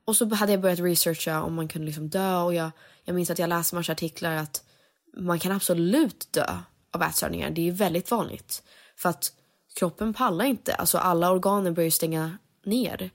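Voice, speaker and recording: A woman's voice: lowish voice, fairly even intonation. A young woman, a singer, telling a personal story candidly and dropping English phrases into her talk.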